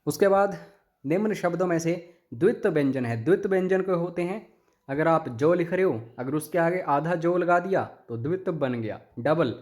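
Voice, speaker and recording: A man's voice: on the high side, lively intonation, moderate pace, darkish tone. A young man teaching an exam-prep grammar lesson, explaining each answer step by step and addressing viewers as friends.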